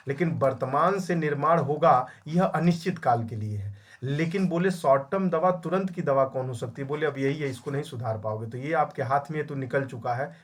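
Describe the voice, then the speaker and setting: Stern man teaching a grammar class. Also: mid-range voice. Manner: scolding, calls students "my child"; repeats questions, drills answers. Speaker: exam-prep Hindi grammar teacher. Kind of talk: online class lecture.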